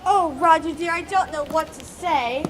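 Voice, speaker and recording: A woman's voice: very high voice, normal speed, a bit bright, a little hiss or hum. A woman voicing a mock-demure young lady being courted, coy and gushing, in a stage comedy.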